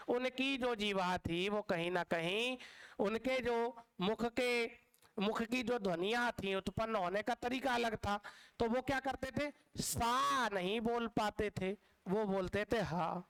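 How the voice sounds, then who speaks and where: High-voiced man teaching a lesson. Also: a bit bright, smooth, poor audio. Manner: explains with repetition, addresses students as dear children; drawn-out stressed words. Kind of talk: exam-prep Hindi lecture.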